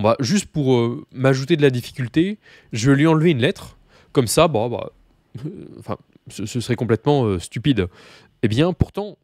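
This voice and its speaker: A man's voice: lowish voice, a little mellow, no room sound, clean studio sound. Chatty French-speaking man teaching Russian. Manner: chatty, many fillers and asides, addresses learners directly. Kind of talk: casual video lesson.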